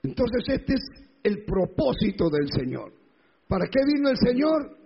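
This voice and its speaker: A male pastor preaches with emphatic repetition and rhetorical questions. His voice is high, gravelly and husky. It is recorded in a church hall with a long echo and dull, lo-fi sound. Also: very animated, measured pace. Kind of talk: sermon.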